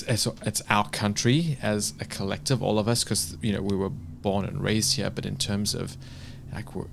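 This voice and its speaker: A man from South Africa talking thoughtfully in a casual conversation, with soft laughs between his points. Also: deep voice, gravelly, slight background noise.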